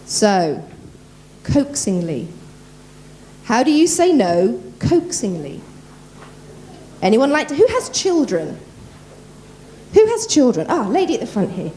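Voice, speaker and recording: Woman voice coach at a conference, bouncy, higher voice, slight hum behind. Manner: lively, quick-talking, quizzes the audience. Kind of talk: conference workshop talk. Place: conference room.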